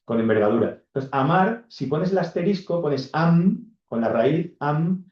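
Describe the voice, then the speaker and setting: A man lecturing a class in a mellow, darkish voice, explaining patiently and often checking that his students are following. The recording is roomy and echoey, with a dull, muffled quality. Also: fairly high pitch, lively intonation, measured pace. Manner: explanatory, checks in with frequent "¿vale?". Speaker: university lecturer. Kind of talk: classroom lecture on corpus linguistics.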